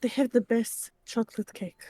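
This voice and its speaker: A woman's voice: fairly high pitch, steady tone, moderate pace, mellow, dry recording. A woman playing a tabletop role-playing game, chatty and rambling as she describes her character. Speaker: player. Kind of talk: casual tabletop role-play.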